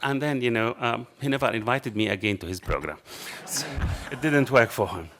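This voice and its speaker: A middle-aged man with a strong Arabic accent speaks at a moderate pace in a mid-range, somewhat bright voice. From a panel table in a darkened lecture hall, he tells an anecdote and voices both people in the exchange, passionately and with non-native phrasing. A table microphone captures this public talk.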